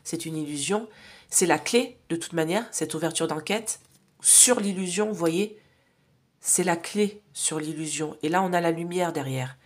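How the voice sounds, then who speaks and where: A woman's voice: lowish voice, a little slow. A woman with a nasal voice giving a casual oracle card reading to viewers, rambling with many fillers and asides, sometimes dropping to a whisper. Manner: rambling, many fillers and tag questions, drops to whispers while drawing cards. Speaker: psychic card reader.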